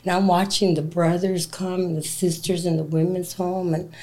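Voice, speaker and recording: Woman guest telling her life story, animated, does the voices of people in it, laughs a lot. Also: fairly low pitch, moderate pace. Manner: animated, acts out quoted dialogue. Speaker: interview guest. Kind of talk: personal testimony storytelling.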